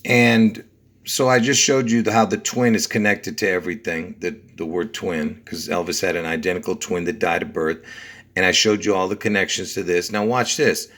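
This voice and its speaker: In a conspiracy numerology walkthrough, a man from Lebanon talks viewers through the numbers in a low, steady voice with a fairly bright tone and moderate pace. His delivery is rambling and insistent, sprinkled with checks like "okay?" and "you see?".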